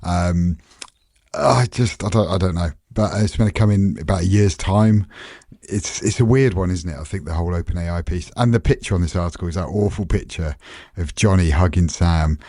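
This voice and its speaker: A sleep-deprived man co-hosting a podcast, relaxed and wry in casual chat. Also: low voice, moderate pace, dry recording, clean studio sound. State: short on sleep. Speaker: podcast co-host.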